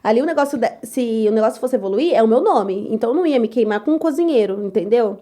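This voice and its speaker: Young chef lady telling her story, kinda high voice, mellow and warm, talks loud. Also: fast talker. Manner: lively, acts out quoted voices, repeats "tal, tal"; says she talks loud and gruff. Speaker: chef being interviewed. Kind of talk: animated personal storytelling.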